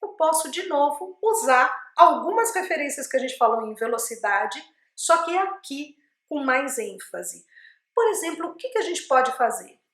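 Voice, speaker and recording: A middle-aged woman with a Brazilian Portuguese accent, a speech therapist who teaches voice to camera in an expressive way and often asks the viewer questions. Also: sits high, normal speed. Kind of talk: instructional video talk to camera. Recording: echoey room.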